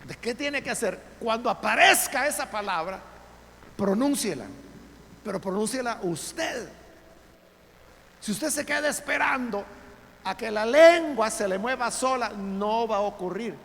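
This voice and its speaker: Emphatic high-pitched preacher, gravelly. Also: male voice, animated, measured pace, fairly bright tone, a little hiss or hum. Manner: emphatic preaching with rhetorical questions, addressing listeners directly. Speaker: pastor. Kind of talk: sermon. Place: church sanctuary. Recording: long church reverb, faint background ambience.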